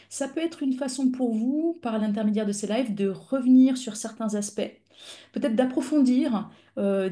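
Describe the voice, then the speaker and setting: Hosting a live webinar for fellow clinicians over a video-call mic, a middle-aged physiotherapist and pain-education instructor speaks in a mellow, relaxed tone at medium pitch. She explains patiently and measuredly, often pausing to hunt for the right words.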